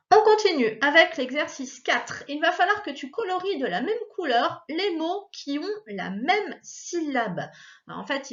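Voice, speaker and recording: A woman's voice: high-pitched, fairly bright tone, lo-fi sound. A woman teacher leading a recorded reading lesson for children, patiently sounding out syllables one at a time. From France.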